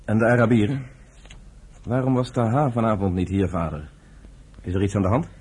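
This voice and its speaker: In a noisy old radio play recording, an actor portrays an easygoing, earnest young man who is a son and a brother, speaking informally and sincerely with an earnest, concerned mood. His voice is lowish, a little mellow, with a breathy edge, and fairly quick.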